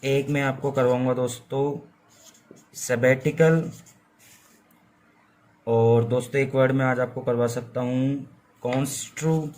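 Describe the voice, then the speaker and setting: A man's voice: medium pitch, steady tone, a little slow, pauses often, a little mellow. A young man teaching English vocabulary in a casual lesson, repeating each meaning and asking questions that he answers himself. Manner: repetitive, asks questions and answers them himself, playful mnemonics. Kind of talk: informal Hindi-medium lesson.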